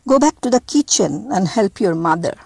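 A woman reading as a calm, gentle village father. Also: mid-range voice, moderate pace, creaky, husky, no room sound, exaggerated voice. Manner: gentle, quiet and steady.

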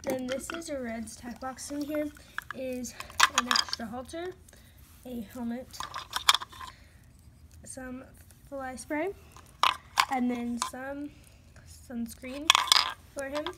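High-voiced woman giving a chatty toy-barn tour. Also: fairly even intonation, takes it slowly, pauses often, heavy background noise. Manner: chatty listing, soft at times, slips into whispers. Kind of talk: casual narrated toy tour. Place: carpeted room at home, indoors. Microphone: handheld phone camera, unseen speaker.

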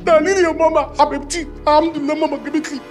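Brief: a petulant Egyptian manchild, high and whiny. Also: male voice, level tone, rapid-fire, soft background music. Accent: Egyptian Arabic. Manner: whiny, sulky and comically petulant. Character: childish man obsessed with his mother's remote. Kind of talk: comedy film acting.

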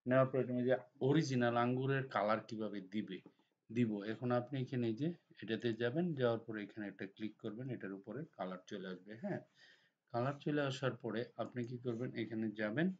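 A hoarse man with a cold walks through a design software tutorial step by step, often checking that the viewer is following. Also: medium pitch. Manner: step-by-step instructions with frequent checks like "ঠিক আছে?". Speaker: computer design instructor. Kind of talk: screen-recorded software tutorial. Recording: dull lo-fi recording with faint noise.

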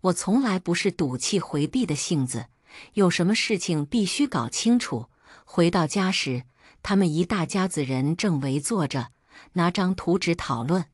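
Low-voiced woman reading a story. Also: lively intonation, normal speed, breathy edge, no room sound, clean studio sound. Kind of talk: scripted first-person narration.

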